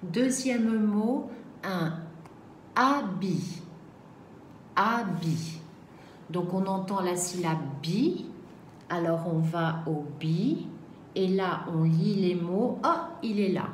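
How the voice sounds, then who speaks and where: A woman teaching a reading lesson to young children, sounding out each syllable slowly and carefully. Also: lowish voice, a little mellow. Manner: slow, carefully articulated syllables. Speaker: primary school teacher. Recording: echoey room, faint background noise.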